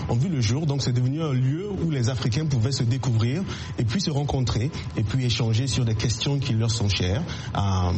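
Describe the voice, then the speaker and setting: A man who is a film director and journalist, speaking in a studio radio interview, measured and full of fillers. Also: medium pitch.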